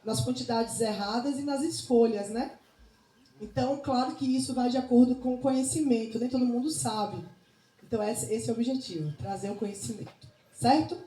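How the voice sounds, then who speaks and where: In an echoey room with a little background noise, a Salvador-born woman with a Bahian Brazilian accent speaks fairly quickly in a fairly high, mellow voice. She is a nutrition speaker and missionary giving an informal, faith-tinged talk to women, instructing them and often checking in with tag questions.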